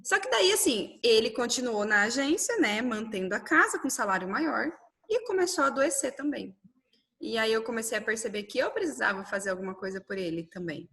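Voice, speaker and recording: A woman tells her own story in an interview. Her voice sits a little high. She keeps it animated, voices the dialogue herself, and checks in often with "né?". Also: a little fast. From Brazil. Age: 30s. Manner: animated, quotes dialogue, frequent "né?".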